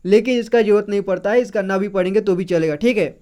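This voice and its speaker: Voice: mid-range voice, fast, a little mellow. A patient reading teacher going through a syllable chart one sound at a time, repeating each syllable and checking in with the learner after every point. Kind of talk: slow syllable-by-syllable reading lesson.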